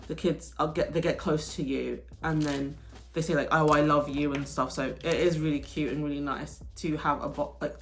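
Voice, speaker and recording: A chatty, low-voiced woman vlogs a casual get-ready-with-me Q&A. She's a teacher in Korea, and her talk is full of "like" and restarts.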